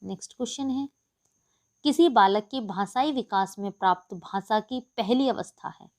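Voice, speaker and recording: A woman's voice: medium pitch, moderate pace, darkish tone. A woman teacher working through exam questions and answers, explaining each one patiently. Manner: explains patiently, repeats questions back to the class. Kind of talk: exam-prep lesson, reading questions and answers.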